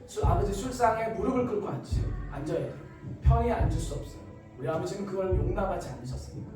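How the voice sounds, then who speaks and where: A man giving an emotional testimony in church, telling his story dramatically and acting out the voices in it. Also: sits high. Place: church hall. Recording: echoey room, far from mic.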